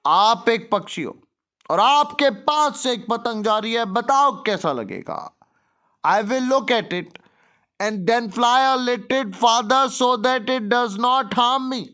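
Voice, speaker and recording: High-voiced Indian tutor, slow and clear. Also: male voice, fairly bright tone. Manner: explains in Hindi and reads English lines slowly; repeats words and asks quick rhetorical questions. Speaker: English tutor. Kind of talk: worksheet lesson for young children.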